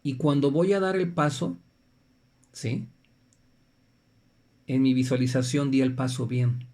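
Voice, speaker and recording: Mellow-voiced man giving health advice. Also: medium pitch, slow. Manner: conversational, keeps checking in with "right?"; repeats and restarts phrases while explaining. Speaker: natural health presenter. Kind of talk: informal health talk to viewers.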